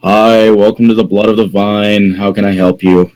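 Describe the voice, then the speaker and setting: A man's voice: mid-range voice, expressive, normal speed, mellow, slight background noise, natural voice, rough recording. A man voicing a grudging male tavern server in a tabletop game, with fumbling words. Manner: begrudging, fumbling with filler words.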